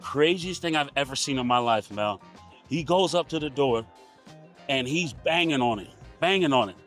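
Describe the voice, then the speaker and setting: A man hosting a podcast, relaxed, telling stories and asking questions in a casual interview. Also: medium pitch, normal speed, soft background music. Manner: relaxed, storytelling, asks questions. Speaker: podcast host.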